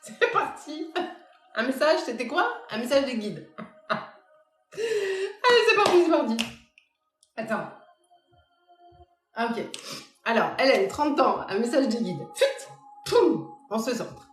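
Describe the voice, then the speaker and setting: A woman's voice: fairly high pitch, big pitch swings, measured pace, pauses often, roomy sound, soft background music. A woman medium giving a casual live-stream reading, talking straight to her viewers. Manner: casual, talks straight to the audience.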